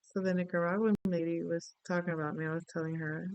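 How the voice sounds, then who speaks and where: A middle-aged woman from the Dominican Republic chats her way through a rambling story during a reading. Her voice has a gravelly fry, yet it stays smooth and resonant. The sound is close and dry. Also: lowish voice, flat delivery, fast, a little mellow, no room sound, rough recording. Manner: rambling, chatty storytelling with many asides. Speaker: astrology and tarot reader. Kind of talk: casual spoken reading.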